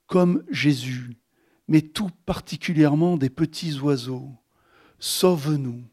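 A man with a slightly high, gravelly voice reads his text aloud as a slow litany. His delivery is unhurried and incantatory, with a husky grain to the voice. He then talks about his writing in the same measured tone. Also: mellow. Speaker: author. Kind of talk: literary reading and interview answers.

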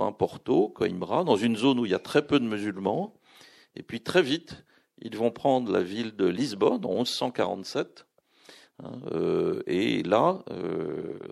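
A man with a deep, heavily gravelly voice gives a discursive talk at a literary event. He circles back on himself, filling pauses and restarting phrases as he explains. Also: a little mellow. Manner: discursive, full of hesitations and restarts. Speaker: publisher and translator, guest speaker. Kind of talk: public talk at a literary festival.

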